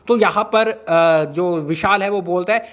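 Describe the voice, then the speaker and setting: ऊँची आवाज़ वाला पुरुष यूट्यूबर, गपशप भरी अपडेट नाटकीय ढंग से सुनाता है. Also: male voice, high-pitched, measured pace, a bit bright. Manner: dramatic, hypes up the news and re-enacts quarrels. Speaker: YouTuber giving reality show updates. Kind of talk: excited gossip recap.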